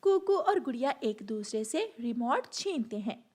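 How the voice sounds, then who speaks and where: Fields: Role: woman narrating a children's cartoon. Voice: high, lively. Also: measured pace.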